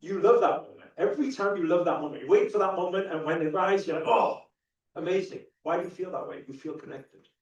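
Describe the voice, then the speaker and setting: Speaking fast with a voice that sits high, a young man from the UK addresses a crowd from the stage of a large event hall. The motivational speaker is earnest, poses questions to the audience, and frequently restarts sentences. The recording is muffled, from a distant mic in an echoey hall.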